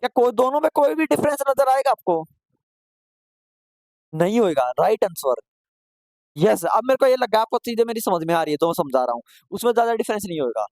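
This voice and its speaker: In a live online computer class, a male teacher asks questions and answers them himself, repeats points, and urges students to respond quickly, gently scolding and encouraging them. His voice is high and sing-song, and the recording is dry.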